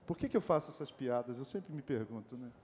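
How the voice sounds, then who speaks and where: A pastor with a Brazilian accent preaching a sermon in a church, animated and joking, often asking the congregation rhetorical questions. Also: male voice, mid-range voice, quick pace, slight background noise. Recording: echoey church hall.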